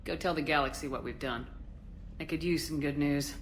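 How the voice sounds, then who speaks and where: A woman's voice: low voice, a little fast, a little hiss or hum, lightly acted. An actress playing a confident, resolute female military commander in a game, direct and assured. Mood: businesslike. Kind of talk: scripted game dialogue.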